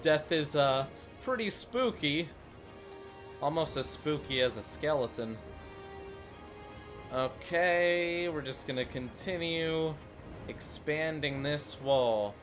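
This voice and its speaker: A man's voice: fairly high pitch, slow pace, over music. A young man casually commenting while playing a city-building game, chatty and self-mocking, rambling into asides. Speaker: gaming YouTuber.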